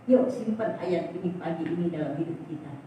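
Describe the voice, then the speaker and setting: An older woman pastor preaching a sermon, lively, asking the congregation questions and repeating her key phrase. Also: deep voice, fairly quick, a little hiss or hum. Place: church hall. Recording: echoey church from far off.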